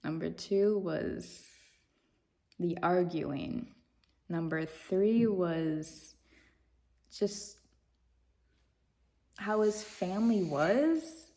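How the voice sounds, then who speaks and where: A woman's voice: fairly low pitch, extremely slow, pauses often, mellow. A young woman vlogger telling a personal story in a casual, rambling way, giggling nervously now and then.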